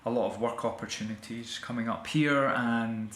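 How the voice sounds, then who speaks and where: A man's voice: medium pitch, fairly even intonation, normal speed, a bit bright, roomy sound, slight background noise. A middle-aged Scottish man, an actor and writer, talking reflectively as an interview guest with many restarts and fillers. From Scotland.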